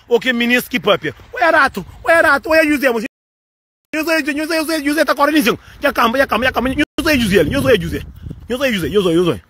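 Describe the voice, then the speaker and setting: A man's voice: very high-pitched, a bit bright, no room sound. A man with a Cape Verdean accent, speaking in an emphatic, repetitive casual monologue to the camera and often calling the listener "moço". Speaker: channel host.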